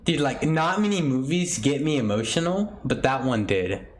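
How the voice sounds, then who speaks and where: A man's voice: mid-range voice, expressive, normal speed, slight background noise. A young man hosting a podcast in casual chat, rambling and jokey, laughing often. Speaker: podcast host.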